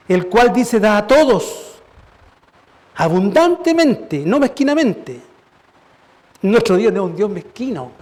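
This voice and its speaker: A man's voice: sits high, darkish tone. A man preaching as pastor, conversational and asking rhetorical questions. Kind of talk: sermon. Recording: church service.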